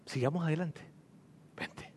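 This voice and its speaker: Un predicador haciendo de padre tierno que susurra. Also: male voice, mid-range voice, sing-song, slow pace, breathy edge, big-room sound, exaggerated voice. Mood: tender hush. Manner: hushed, tender, almost whispered. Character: forgiving father welcoming his lost son.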